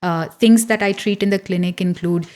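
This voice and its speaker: A middle-aged woman, a physiotherapist answering interview questions in a measured, explanatory way. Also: medium pitch, fairly even intonation, a little mellow. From India. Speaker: guest physiotherapist.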